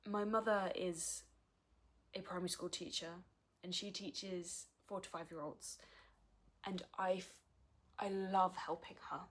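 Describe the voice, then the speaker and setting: A woman's voice: fairly low pitch, fairly even intonation, a little slow, fairly bright tone. A woman, talking frankly and earnestly in a personal vlog. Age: early 20s. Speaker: vlogger. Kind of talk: candid personal vlog talk.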